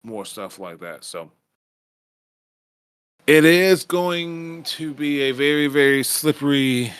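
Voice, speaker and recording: A man's voice: on the high side, slow pace, a bit bright, clear, resonant tone, no room sound. A man co-hosting a casual podcast, rambling and restarting his sentences, swearing now and then. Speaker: podcast co-host.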